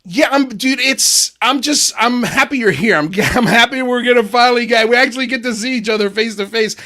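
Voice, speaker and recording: A man's voice: extremely high pitch, brisk, bright, forceful tone. A man from Miami hosting a casual podcast livestream, laid-back and chatty, saying "dude" a lot and laughing easily. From Miami, USA. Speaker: podcast host.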